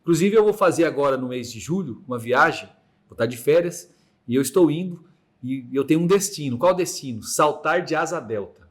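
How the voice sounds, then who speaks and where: A man with a Brazilian accent from Mato Grosso, talking through a podcast in a slightly high voice. He stumbles and restarts often and mimics heartbeats with sounds. He is recorded in a warm room with no air conditioning. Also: lively intonation, brisk. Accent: Brazilian Portuguese, Mato Grosso. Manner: hesitant, many restarts and repeated words. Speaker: podcast host. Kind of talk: casual podcast chat.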